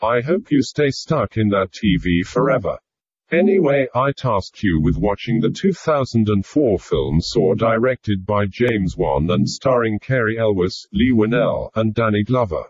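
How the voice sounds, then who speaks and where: A man voicing a polite male robot butler possessed by a demon, formal and deadpan. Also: lowish voice, measured pace, slightly rough, no echo. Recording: dull, lo-fi, dry.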